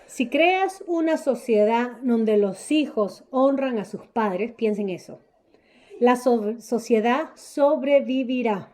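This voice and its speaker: Warm-voiced woman teaching a Bible study. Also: a little high, animated, slow. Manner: emphatic, repeats key phrases, checks in with "¿ok?".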